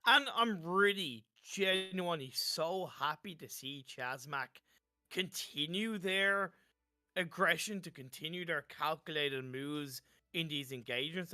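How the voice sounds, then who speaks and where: A man calling esports play-by-play with energetic, quick play-calling. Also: on the high side, no echo. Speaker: esports caster.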